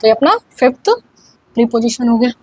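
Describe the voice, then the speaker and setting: A woman's voice: fairly high pitch, brisk, breathy edge, no echo, rough recording. A young woman giving a casual online grammar lesson, often checking that students follow and dictating examples word by word. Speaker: English grammar teacher.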